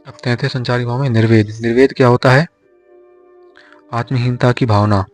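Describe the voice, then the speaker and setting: A young male exam tutor explains mnemonics for Hindi poetics, slowly drilling the syllables again and again. He speaks at a middle pitch in a flat, even voice, with faint music in the background.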